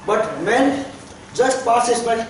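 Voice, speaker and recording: A man's voice: very high voice, animated, slow pace. Man lecturing in an echoey hall. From India. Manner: plain non-native English, chuckling asides. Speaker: therapy trainer. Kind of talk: classroom lecture. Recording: echoey hall, distant mic, faint noise.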